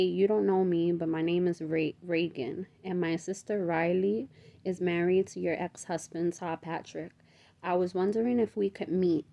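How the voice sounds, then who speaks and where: A woman's voice: on the low side, gravelly. A woman reading aloud as a practical, level-headed sister who speaks firmly. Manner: firm, calming.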